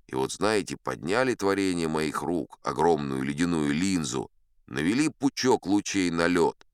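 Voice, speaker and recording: In dramatic first-person storytelling, an actor playing a bragging old sea captain narrates his tall tales in a folksy, confident, chatty way, plainly pleased with himself. His low, animated voice is clear and resonant at a moderate pace, with clean studio sound free of echo.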